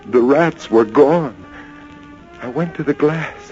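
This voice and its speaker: In the dramatic, halting style of 1940s-50s radio drama, an actor with a natural, medium-pitched voice plays a haunted lighthouse keeper recounting a rat siege with uneasy wonder and suspense. The vintage recording sounds dull, with loud music behind him.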